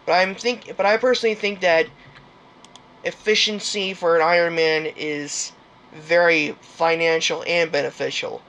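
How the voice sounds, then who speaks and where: A man's voice: on the high side, fairly even intonation, normal speed, pushed and bright. A young man hosting a gaming channel, chatting casually and hesitantly with many fillers and restarts. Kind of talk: casual game commentary outro.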